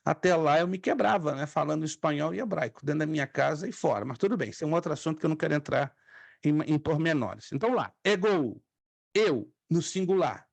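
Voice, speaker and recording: Brisk and gravelly, with lively intonation and a fairly high voice for a man, this middle-aged Brazilian theology teacher runs an online class, repeating every word for students to echo. His native languages are Spanish and Hebrew. The audio is close and dry with no room sound.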